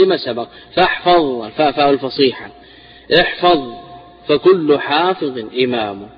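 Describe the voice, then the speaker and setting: A man teaching a classical text on inheritance shares, explaining slowly and repeating words for emphasis. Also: fairly high pitch, husky. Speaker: teacher of Islamic inheritance law. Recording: dull lo-fi recording.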